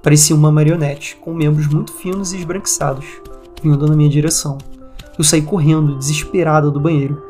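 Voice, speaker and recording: A podcast host with a Brazilian accent reads out listeners' eerie stories and comments on them, with a music bed running under his voice. His voice is a little high, mellow and fairly even in intonation, and he speaks briskly.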